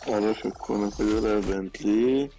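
A man playing along with a streamer, giving short, low-key replies in casual gaming chat. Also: fairly even intonation, mellow, soft background music.

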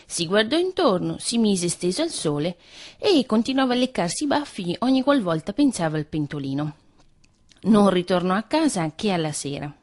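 Expressive woman reading a fairy tale. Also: mid-range voice, moderate pace. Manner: expressive, lilting storytelling. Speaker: storyteller.

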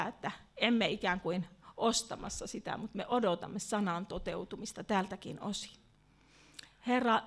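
A woman's voice: medium pitch, a bit bright. A middle-aged woman preacher leading an altar call and fervent prayer in a church meeting, breaking into speaking in tongues.

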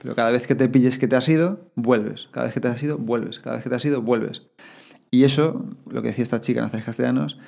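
A man's voice: mid-range voice, vocal fry. A man with a Spain Spanish accent, talking casually as a podcast guest and acting out his own thoughts. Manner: fast, animated, acts out inner thoughts in quotes.

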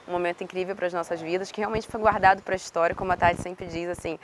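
A woman speaking as a client in an interview, talking quickly and a little haltingly on a lapel mic. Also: on the low side, fairly even intonation, a little hiss or hum. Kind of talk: interview answers.

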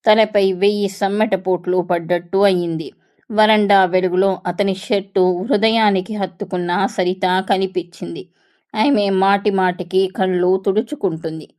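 A woman narrates a story in a steady, measured reading voice. Her pitch sits in an ordinary middle range. She reads aloud like a storyteller.

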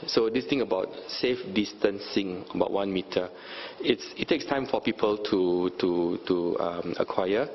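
A man with a low voice explains things in an interview, pausing and restarting hesitantly. The sound is slightly muffled, and faint noise sits behind him.

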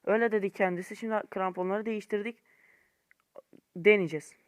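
A young man giving casual gameplay commentary to viewers in an informal, slangy way, swinging between low muttering and frustrated shouting. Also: fairly even intonation, brisk, clear, resonant tone. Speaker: gaming YouTuber.

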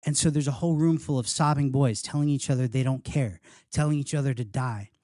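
A man reading aloud from his memoir at a live reading, in an earnest, measured and rhythmic way. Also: mid-range voice, mellow, dry recording, clean studio sound. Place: house reading event, indoors.

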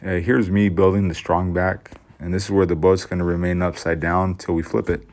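A man's voice: low-pitched, flat delivery, brisk, darkish tone. A middle-aged man giving a plain, matter-of-fact voice-over about building his own boat, a little self-deprecating about his mistakes. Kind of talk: casual voice-over narration.

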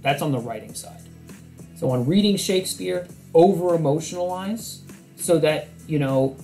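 A man's voice: a little high, a little mellow. A man hosting a live poetry stream, chatting casually and rambling with frequent restarts and self-corrections.

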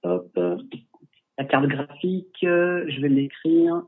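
A French photographer answers viewer questions in a casual livestream chat through a headset, his voice a little husky over a thin, tinny, phone-like line. He sits on the high side, is very animated, and speaks at a slow pace. Hesitant, he stumbles often, circling back with many fillers and restarts.

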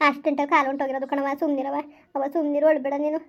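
A loyal young wife, voiced by a woman, soothing and pleading. She speaks in a very high, flat voice at a fast clip. The recording sounds dull and lo-fi.

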